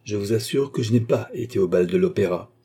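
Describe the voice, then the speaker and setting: A man's voice: on the low side, fairly quick, warm tone, slightly rough. A man reading an audiobook, voicing a proud young queen who pleads and protests in raised, indignant outbursts. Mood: pleading.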